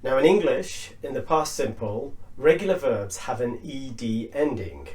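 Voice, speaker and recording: A man teaching an English lesson, explaining slowly and deliberately and spelling out each sound. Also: medium pitch, expressive, a little mellow. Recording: echoey room.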